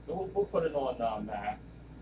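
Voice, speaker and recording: A man's voice: mid-range voice, expressive, moderate pace. A man in a hands-on training session, explaining equipment in a casual, rambling way that wanders off on tangents. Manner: informal, rambling, digressing. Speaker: equipment trainer, service technician. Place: room with running lab machinery. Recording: distant mic, loud machine noise. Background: loud compressor and vacuum pump noise.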